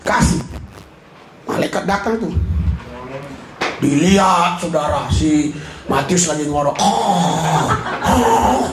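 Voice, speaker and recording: A man preaching a lively, joking sermon as a pastor, often shouting and laughing. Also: a little high, slow pace, pauses often, background noise. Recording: echoey hall with congregation.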